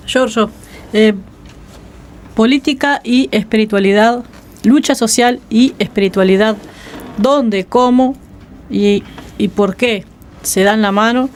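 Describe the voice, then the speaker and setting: A woman interviewer on the radio asking measured, thoughtful questions. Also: a little high. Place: radio studio.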